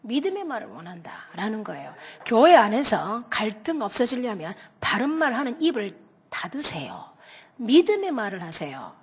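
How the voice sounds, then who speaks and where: A middle-aged woman, a pastor's wife, preaching a sermon and acting out stories with shouted lines. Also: a little high, husky. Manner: dramatic storyteller, shouts out quoted lines; lively, quick-tempered delivery. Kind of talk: animated sermon with acted stories.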